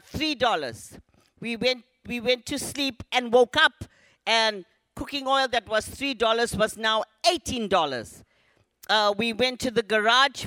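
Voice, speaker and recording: High-voiced preacher, bright tone. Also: male voice, dry recording. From Zimbabwe. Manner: emphatic, calls on the congregation to repeat lines. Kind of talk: sermon.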